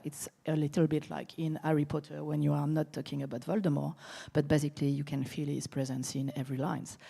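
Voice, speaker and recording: A woman with a French accent talks on a conference panel, pausing often to search for words. Her voice sits very low and carries a gravelly fry. The tone is dark and mellow. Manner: thoughtful, with frequent filler sounds.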